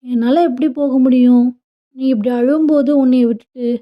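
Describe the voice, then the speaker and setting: A woman storyteller voicing a gentle, shy young man in love, speaking softly and with care. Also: high voice, steady tone, moderate pace, close to an everyday voice. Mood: tender. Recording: dull lo-fi recording.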